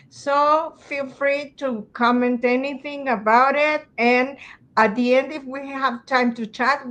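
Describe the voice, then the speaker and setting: An older woman moderates a student discussion over a video call. Her voice sits fairly high and her speech is slow and unhurried. She gives the group patient, teacherly instructions.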